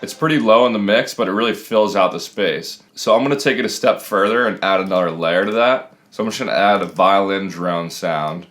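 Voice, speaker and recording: A man's voice: on the low side, fairly quick, hardly any pauses, fairly bright tone. A man in his thirties talking casually and explaining step by step as a music production tutor, recorded in a small home room.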